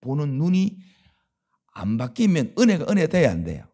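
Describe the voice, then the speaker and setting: Speaking with a Gyeongsang Korean accent, a man leads a dawn sermon as pastor in a chatty manner, posing rhetorical questions to his flock. His voice is a little high and dark, slightly rough, moves at a normal pace, and swings hugely in pitch.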